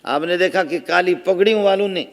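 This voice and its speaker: A man delivers a storytelling sermon, his high voice rising for emphasis and dropping for asides. His voice rings out with a long reverb, as if recorded in a large conference hall. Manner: storytelling, impassioned, shifting between soft asides and raised emphasis. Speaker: religious speaker.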